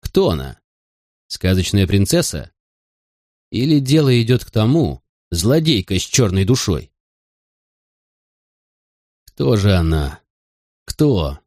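Low-voiced male audiobook narrator. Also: very animated, takes it slowly, pauses often, darkish tone, dry recording, studio quality. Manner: first-person detective storytelling.

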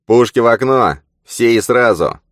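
A man's voice: mid-range voice, animated, measured pace, fairly bright tone, no room sound, studio quality, voice pushed up. A man reading an audiobook voices a treacherous male spy who hisses cold, mocking threats. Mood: commanding. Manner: hissing, menacing threats.

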